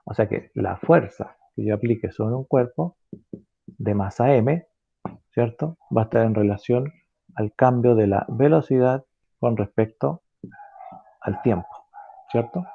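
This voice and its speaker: Over phone-quality audio, a man with a gravelly, mid-range voice and a breathy edge walks an online class through physics step by step. He is halting, full of fillers and self-corrections, and uses tag questions to confirm students follow.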